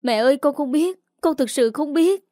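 A woman's voice: on the high side, normal speed, no echo, clean studio sound, close to an everyday voice. A woman doing a timid, tearful young daughter. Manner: soft-spoken, tearful.

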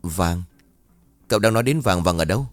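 Methodical police captain, played by a man, low voice, measured questions, storybook. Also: expressive, no echo, faint music behind. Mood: calm.

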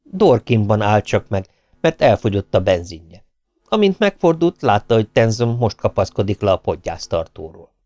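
A man reading a novel aloud as an audiobook narrator, with an expressive delivery. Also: lowish voice. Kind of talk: scripted narration.

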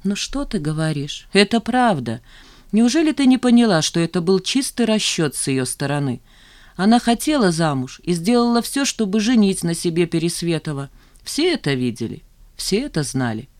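A man's voice: high voice, very animated, normal speed, dry recording, studio quality. A reader voicing a lovesick, slightly drunk young man who talks earnestly and unsteadily. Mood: insistent.

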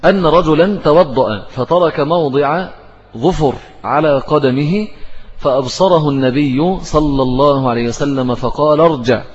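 The speaker is an Egyptian male religious teacher with a fairly high, breathy-edged voice at normal speed. He explains hadith in Egyptian Arabic by asking questions and answering them himself, heard in a muffled recording full of long hall reverb.

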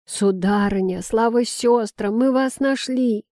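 A woman voicing a frightened old coachman, slow and hushed. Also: lowish voice, steady tone, no echo, studio quality, natural voice. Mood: relieved. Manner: slow, hushed, halting delivery. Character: elderly male coachman, frightened and hesitant.

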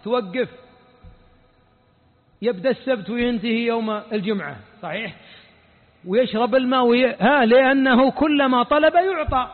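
A Saudi preacher delivers a mosque religious lesson with fervour, pressing his listeners with rhetorical questions. His voice sits strikingly high for a man. It carries a long reverb from a large hall, heard through thin, phone-like audio.

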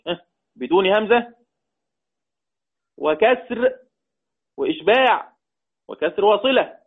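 A man with an Egyptian Arabic accent teaching Quran readings in class, quizzing his students and slowly chanting each reading. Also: high-pitched. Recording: tinny phone-like recording.

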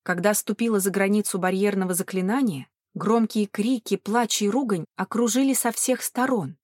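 A woman narrating an audiobook in an even, clear storytelling voice. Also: medium pitch, normal speed, no room sound, studio quality. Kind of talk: scripted narration.

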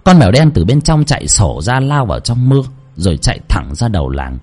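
A man's voice: lowish voice, sing-song, brisk, darkish tone, slightly rough. A man narrating a ghost story with a dramatic, swooping delivery.

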